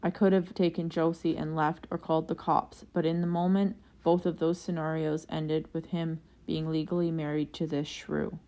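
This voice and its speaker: A woman narrates a first-person forum post in a steady storytelling read. Her voice sits a little low. She keeps an even narrating manner throughout. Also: moderate pace, hardly any pauses.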